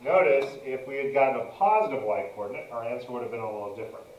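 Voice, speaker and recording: A male teacher is heard from well away from the microphone in a roomy, slightly dull recording. He walks through a math problem step by step, dictating it piece by piece in a mid-pitched voice. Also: lively intonation, fast. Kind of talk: step-by-step lesson narration, working through a problem. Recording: dull, roomy, distant mic.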